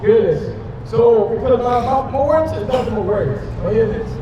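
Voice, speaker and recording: Loud high-voiced male street preacher. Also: expressive, normal speed, dull audio, crowd noise. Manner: loud, emphatic, quizzing passers-by. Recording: distant, echoey street recording with music.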